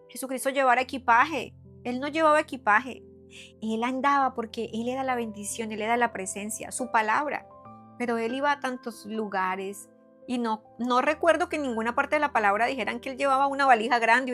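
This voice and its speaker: A middle-aged woman from Cali, Colombia, a psychotherapist, gives a faith talk to her followers, mixing personal testimony with devotion. Her voice sits high and a bit bright, and she speaks earnestly and emphatically, repeating phrases and posing rhetorical questions.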